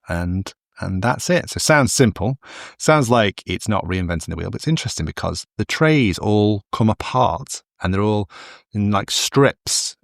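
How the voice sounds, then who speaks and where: A middle-aged man with a very deep, low voice, chatting his way through a solo podcast. He wanders off on tangents and pokes fun at himself. The sound is dry and close, with no room in it. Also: dry recording. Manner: rambling, chatty, self-deprecating asides. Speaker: podcast host. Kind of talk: casual solo podcast monologue.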